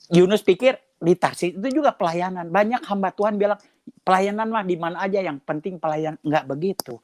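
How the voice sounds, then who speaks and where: Middle-aged male pastor, animated storyteller, dry close sound. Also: no echo. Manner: lively storytelling, acts out dialogue with shifting pitch. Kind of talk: testimony sermon.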